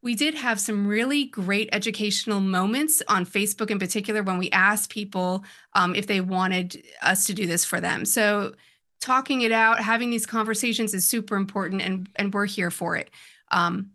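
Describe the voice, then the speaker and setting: A woman's voice: mid-range voice, fairly even intonation, moderate pace, pushed and bright. A woman hosting a chatty podcast and moderating a panel.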